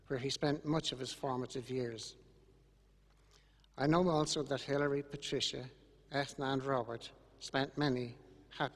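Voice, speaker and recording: An older man with an Irish accent gives a funeral eulogy in a solemn, measured way, with grieving gratitude. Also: medium pitch. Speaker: eulogist speaking about his late brother. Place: large church, over a microphone to congregation and webcam. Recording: echoey church with long reverb.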